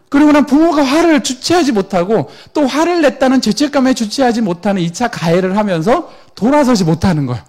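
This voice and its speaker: Lively high-voiced man lecturing parents. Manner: animated, acts out quoted parents and children.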